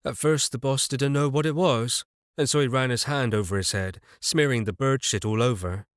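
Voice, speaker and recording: A man's voice: mid-range voice, normal speed, dry recording, studio quality. A man narrating a fantasy audiobook in the first person, telling it evenly with a wry touch.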